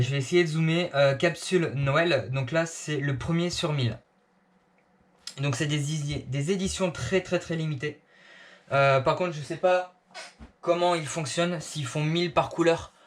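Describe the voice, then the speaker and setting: A man casually reviewing clothes he bought, with many fillers and restarts. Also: mid-range voice.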